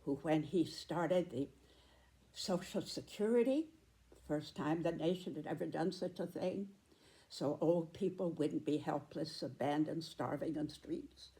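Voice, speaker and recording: Woman in her nineties, slow deliberate delivery, mellow lowish voice, emphatic phrasing, reflective commentary. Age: 90s. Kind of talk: reflective spoken commentary on history and politics.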